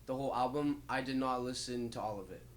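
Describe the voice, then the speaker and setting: A man's voice: medium pitch, quick pace, a little hiss or hum. A man being interviewed on a radio show about his music, talking candidly and easily with plenty of ums and likes. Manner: candid, laid-back, frequent um and like. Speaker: music artist guest. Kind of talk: casual interview. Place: radio studio.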